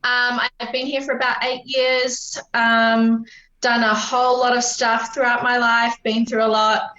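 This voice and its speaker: Bright-voiced New Zealand woman in her twenties. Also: fairly high pitch, little pitch movement, measured pace. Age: 20s. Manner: chatty, frequent ums, laughs easily. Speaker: guest. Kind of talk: casual interview chat. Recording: roomy, dull lo-fi remote line.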